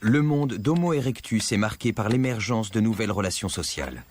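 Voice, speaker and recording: A man narrating a scripted nature documentary in a measured, explanatory storytelling manner. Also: lowish voice, lively intonation, background noise. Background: music.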